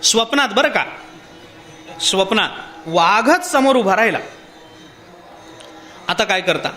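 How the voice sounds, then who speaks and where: High, bright-voiced man preaching. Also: a little slow. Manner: poses rhetorical questions to the audience; animated storytelling with parable. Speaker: spiritual discourse speaker. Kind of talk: devotional discourse with storytelling.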